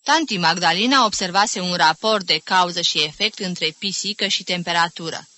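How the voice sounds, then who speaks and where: Woman, audiobook narrator, bright tense tone, dry close recording, measured. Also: lowish voice, dry recording. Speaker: audiobook reader. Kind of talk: literary narration.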